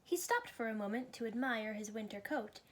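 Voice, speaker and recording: A woman with a fairly high voice reads a story for children. She phrases each part clearly and puts expression into the telling, as a storybook reader does. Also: expressive, moderate pace. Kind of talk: children's story read aloud.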